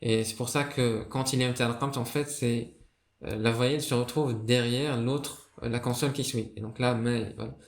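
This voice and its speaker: A video creator explains a writing system in a casual spoken lesson, sounding hesitant and full of fillers and restarts. His medium-pitched voice keeps a fairly even intonation at a moderate pace, and the room has an echo.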